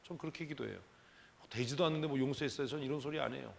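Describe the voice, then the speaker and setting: A man's voice: medium pitch, racing, creaky, a little hiss or hum. Emphatic male pastor in a reverberant church. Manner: conversational and emphatic, full of rhetorical questions. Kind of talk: sermon at a prayer meeting. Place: church sanctuary.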